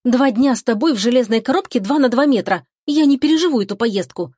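A woman voicing an irritable, sharp-tongued young woman in an audiobook. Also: fairly high pitch, fast talker, no echo, studio quality, pitched above the performer's own voice, natural voice. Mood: indignant. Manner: snappy, indignant grumbling. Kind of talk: audiobook character voice.

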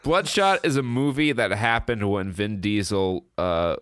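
A man's voice: on the low side, measured pace, fairly bright tone, clear, resonant tone, no room sound, clean studio sound. A man hosting a casual movie podcast, laid-back and profane, laughing often. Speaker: podcast host. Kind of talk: casual chat.

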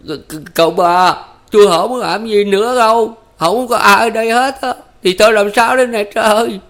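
A panicked country man in a spoken story stammers and cries out, close to tears, as the male narrator puts him on. His voice jumps well above the reader's own and comes out loud and strained. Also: high voice, steady tone, normal speed, voice pushed up. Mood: wailing. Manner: stammering, shouting, near tears. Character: panicked rural man, frantic and desperate.

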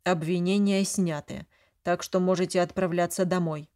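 A woman's voice: lowish voice, steady tone, normal speed, a little mellow, natural voice. A woman voicing a curt, sardonic duke. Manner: curt, clipped orders. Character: sardonic cold male duke, commanding.

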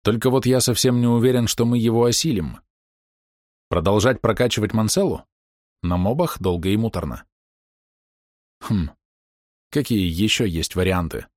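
Male narrator, lowish voice, lively expressive reading, dry close mic. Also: normal speed, long pauses, no echo. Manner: expressive storytelling. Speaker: audiobook narrator. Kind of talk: scripted narration.

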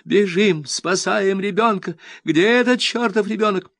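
A man's voice: on the high side, animated, unhurried, no room sound, pitched above the performer's own voice. A man voicing a businesslike, gushing woman art patron who is polite and eager. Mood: panicked.

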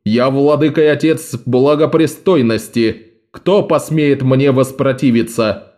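A man voicing a domineering male priest in a sun mask who proclaims slowly and raises his pitch to command. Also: dark tone, close to an everyday voice.

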